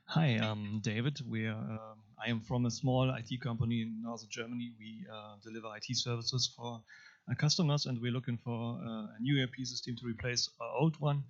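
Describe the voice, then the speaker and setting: A man's voice: medium pitch, fairly quick. A man at a conference introducing his IT company hesitantly. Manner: flat, hesitant. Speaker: IT company representative, attendee. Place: conference room. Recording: dull lo-fi livestream audio.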